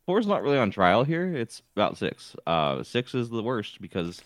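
A man's voice: medium pitch, very animated, normal speed, no room sound, studio quality. A man co-hosting a casual podcast, earnestly arguing a silly point with his friends. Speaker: podcast co-host. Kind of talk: casual chat.

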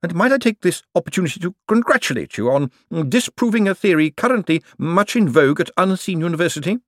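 A man voices a pompous middle-aged chief clerk, icy and disdainful, who hums "mm" before he answers. The voice sits noticeably higher than the narrator's own and swings in pitch. It sounds close and dry. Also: big pitch swings, normal speed, no echo. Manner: disdainful, hesitant "mm" before replies.

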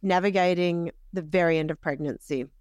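A woman's voice: fairly low pitch, fairly quick, a little mellow, no room sound, studio quality. Chatty pregnant woman co-host. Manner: chatty, laughs often, enthusiastic agreement. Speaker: podcast co-host. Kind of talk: casual chat.

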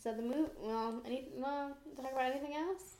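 A woman's voice: sits high, a little fast, a little mellow. A young woman co-hosting a podcast, chatting casually and informally about film with a giggly manner, recorded in a house. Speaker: podcast co-host. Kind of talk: casual film review chat. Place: echoey room in a house. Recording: echoey room with background noise.

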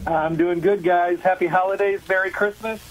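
A man with a slightly higher voice calls in from home, and the line makes him sound muffled and far away, like he is speaking from the bottom of a well. He chats in an easygoing, friendly way as a guest on a radio show. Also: steady tone, moderate pace. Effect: muffled, distant phone line that sounds like the bottom of a well. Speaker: guest expert calling in. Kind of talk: casual radio chat. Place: at home, calling in by phone.

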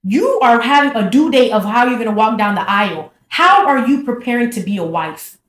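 A woman with a fairly high voice gives an informal faith talk, repeating herself and firing off rhetorical questions. She sounds animated and direct. The room around her is echoey. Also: a little fast. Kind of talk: casual faith talk to camera.

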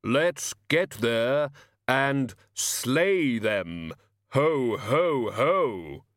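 A man's voice: mid-range voice, expressive, very slow, fairly bright tone, no echo, studio quality. A man voicing a solemn, literal-minded spirit of death in a storybook reading, formal and ponderous in manner. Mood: deadpan, stiff.

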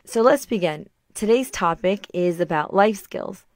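A middle-aged woman hosting a podcast. She reads a scripted talk in a calm, measured way, and a sore throat leaves her voice slightly raspy. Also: mid-range voice, no room sound, studio quality. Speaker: podcast host.

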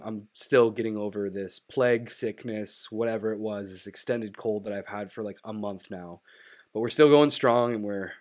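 A man's voice: lowish voice, a little mellow. A man in his thirties hosts a solo podcast, sounding nasal and stuffed up from a cold that has hung on. He talks in a loose, reflective way, dropping "like" and "uh" as he goes. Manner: casual, reflective, frequent fillers like "like" and "uh". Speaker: podcast host. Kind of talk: solo podcast monologue with sponsor reads.

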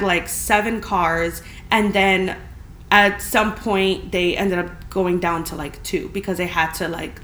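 A woman's voice: medium pitch, a bit bright. A woman hosting a casual, chatty solo podcast, talking in a candid, emphatic, informal way in a spacious, echoing apartment. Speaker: podcast host. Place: friend's spacious apartment, indoors. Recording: big echoey room, clear background noise.

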